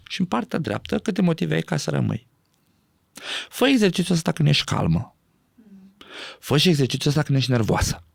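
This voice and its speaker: A man speaking as a podcast guest in animated conversation, often laughing and acting out what others say. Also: mid-range voice, vocal fry, no room sound, studio quality. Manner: animated, acts out quoted speech, laughs often.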